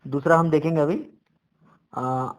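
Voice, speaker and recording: A man with an Indian English accent teaching a grammar lesson, reading English rules out slowly and then explaining them quickly in between. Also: fairly high pitch, steady tone.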